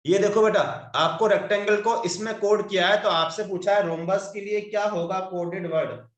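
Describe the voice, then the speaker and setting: Calling his students "beta," a man patiently guides an online class, spelling out letters one at a time as he explains. His high voice rings in an echoey room, with a steady tone and moderate pace.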